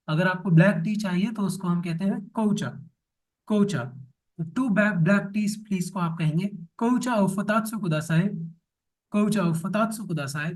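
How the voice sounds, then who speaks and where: A man teaching Japanese restaurant phrases in Hindi, saying each example sentence slowly and repeating it. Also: sits high, a little mellow, recorded from a distance, poor audio. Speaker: language teacher.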